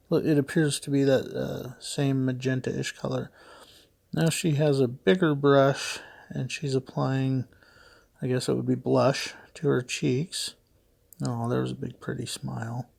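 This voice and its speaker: A middle-aged man with a gravelly voice and heavy audible breathing, giving hesitant, puzzled, matter-of-fact unscripted play-by-play narration. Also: medium pitch, little pitch movement, measured pace, a little mellow. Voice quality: gravelly, creaky. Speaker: father doing a voice-over for his daughter's makeup video.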